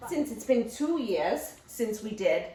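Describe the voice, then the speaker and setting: A gushing, chatty talk show hostess, played by a woman, her voice pitched a little high and swooping all over as she throws in Yiddish exclamations. The sound is roomy and picked up from some distance. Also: very animated, a little slow, warm tone. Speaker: talk show host character. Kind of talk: comedic sketch parody for nurse education.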